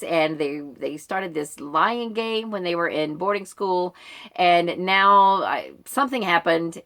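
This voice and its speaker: A middle-aged American woman, a book vlogger and book club member, chats casually to viewers with a rambling reading update. Her voice is fairly low in pitch and a bit bright.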